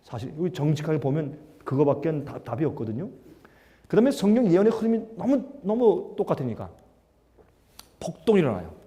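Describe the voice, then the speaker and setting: A man with a high, mellow voice preaches a sermon to a congregation. He drives his points with rhetorical questions and swings between loud and hushed. A long hall reverb trails every phrase. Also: big pitch swings, fairly quick. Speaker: pastor.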